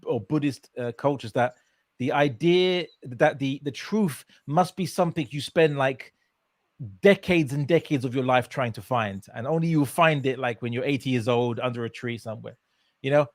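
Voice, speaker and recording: This Englishman, guesting in an interview, talks through his story casually at a moderate pace in a mid-range voice. Hesitant and quick to laugh, he uses many fillers and restarts, captured in a dry, clean studio recording.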